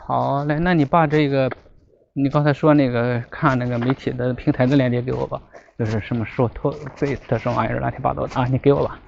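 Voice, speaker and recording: A man's voice: medium pitch, steady tone, a little fast, vocal fry, a little mellow. A man chatting casually and insistently, repeating his requests as he talks. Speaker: vlogger asking an AI assistant questions. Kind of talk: casual chat. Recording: muffled, noisy ambient recording.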